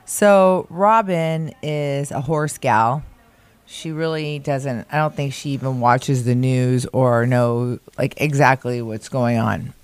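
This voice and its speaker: Recorded on a conference room meeting mic, an American woman co-hosting a daily video show talks casually, candid and chatty with some grumbling. Her voice is very deep and she takes it slowly, with no echo.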